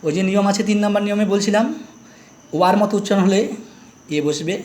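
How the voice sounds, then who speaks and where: Male English tutor, middle-aged, higher-pitched voice, patient step-by-step explanations with quick check questions. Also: fairly even intonation, darkish tone. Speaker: English teacher. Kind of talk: grammar lesson explaining articles.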